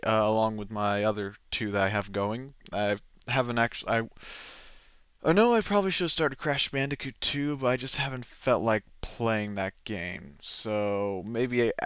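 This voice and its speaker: Male let's play host, lowish voice, rambling and hesitant gameplay chat. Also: lively intonation, normal speed, fairly bright tone, clean tone, no room sound. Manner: rambling, hesitant, many restarts. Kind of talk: casual gameplay commentary.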